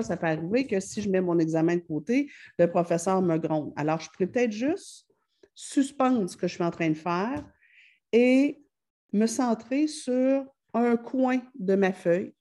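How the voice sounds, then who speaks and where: A woman with a Quebec French accent giving calm, explanatory advice to parents, often pausing with fillers and restarting her phrases. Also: mid-range voice.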